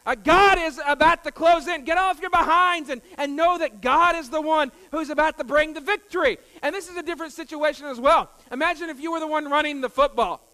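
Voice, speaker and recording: High, bright-voiced pastor preaching. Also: male voice, brisk, hardly any pauses, long reverb tail, poor audio. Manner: emphatic and repetitive, with frequent hesitations. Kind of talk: sermon. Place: church sanctuary.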